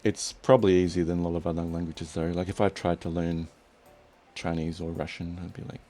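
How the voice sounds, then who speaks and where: A young man hosting a casual chat, relaxed and rambling with restarts. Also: sits low, fairly quick, soft background music. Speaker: host.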